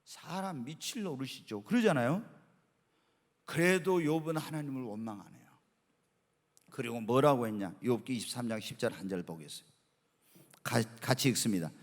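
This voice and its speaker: A middle-aged man preaching a sermon as pastor, telling stories in an animated way and acting out quotes. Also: medium pitch, moderate pace, pauses often. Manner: animated storytelling with acted quotes. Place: church sanctuary. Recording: long hall reverb.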